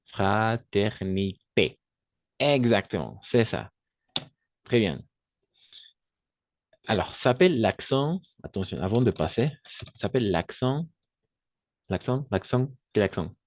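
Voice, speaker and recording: Slow, low-voiced man teaching French. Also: sing-song, a little mellow, no room sound. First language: Spanish. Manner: patient, repeats words slowly and checks with "d'accord?". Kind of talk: online language lesson.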